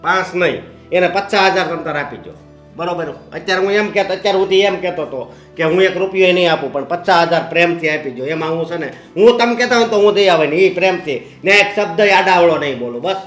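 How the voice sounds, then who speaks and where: A man's voice: sits high, fast talker, fairly bright tone, reverberant, faint music behind. A man playing a stubborn, grasping son. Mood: bargaining. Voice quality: insistent, nagging, demanding. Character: stubborn, grasping adult son, sole heir. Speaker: son arguing with his father. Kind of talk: Gujarati short film acting.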